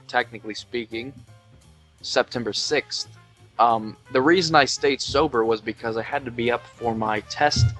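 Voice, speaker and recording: With a medium-pitched, fairly bright voice, a drunk podcast host in his twenties rambles and swears through casual talk indoors at home in Tennessee. He reads aloud in a mock-quoting manner while faint music plays behind him.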